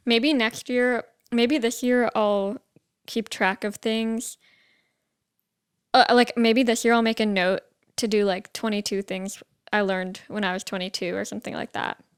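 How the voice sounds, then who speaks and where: A woman's voice: on the high side, steady tone, unhurried, smooth. A young woman co-hosting a podcast in casual chat, talking freely and leaning on "like" a lot. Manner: chatty, leans on "like" a lot. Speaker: podcast co-host.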